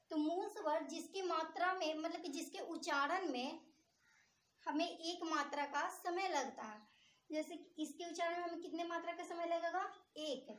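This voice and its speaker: Speaking in a very high voice, a woman teaches grammar, often pausing to quiz her class before supplying the answers herself. The sound echoes around a bare room.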